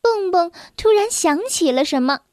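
A woman narrating a children's storybook in a gentle, unhurried manner. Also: very high-pitched, expressive, no room sound.

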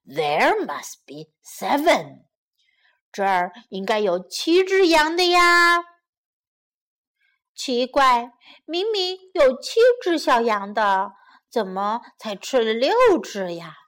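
A woman voicing a greedy big bad male wolf in a children's story, with a slow, drawling manner. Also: on the high side, big pitch swings, fairly bright tone, pitched below the performer's own voice, heavily acted. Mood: puzzled.

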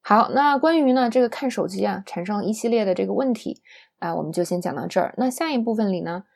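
A woman teaching an English lesson in Mandarin. She explains patiently and says each English example slowly, more than once. She keeps asking the listeners whether they follow. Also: mid-range voice, expressive, gravelly, a little mellow. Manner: asks listeners to agree.

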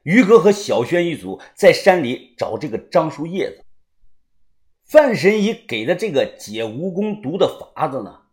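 Male storyteller, lively and animated, dramatic pacing. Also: fairly high pitch, normal speed. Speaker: audiobook narrator. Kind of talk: serialized storytelling.

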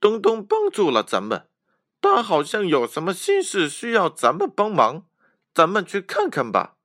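A man's voice: moderate pace, heavily acted. A man voicing a friendly, eager little boy in a children's story. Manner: high excited child voice.

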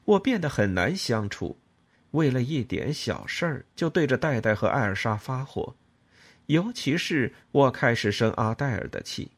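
A man narrating a novel aloud in an expressive, dramatic reading. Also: mid-range voice, normal speed. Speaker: audiobook reader.

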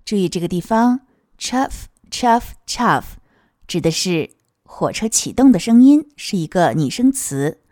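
A woman teaching English pronunciation of a children's song, modeling each sound slowly and clearly. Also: medium pitch, expressive, darkish tone, no echo, studio quality. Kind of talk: explaining song lyrics and pronunciation.

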